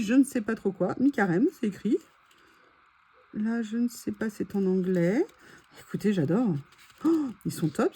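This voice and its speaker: A woman with a French accent talks through a stationery haul, gushing and repeating her praise. Her voice sits a little high but sounds mellow and soft. She reads quotes aloud between casual asides. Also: husky. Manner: enthusiastic, gushing, repeats words. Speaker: haul vlogger.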